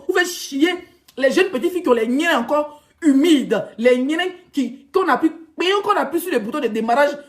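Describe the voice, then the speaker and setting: Woman, Ivorian French accent, high voice, heated mocking rant, blogger vlog. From Ivory Coast. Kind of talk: ranting social media vlog.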